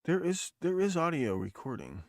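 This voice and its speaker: A man's voice: fairly high pitch, very animated, moderate pace, no room sound, clean studio sound. A man hosting a podcast livestream in casual chat, rambling and profane, often restarting his sentences. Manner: rambling, profane, self-correcting. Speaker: podcast host.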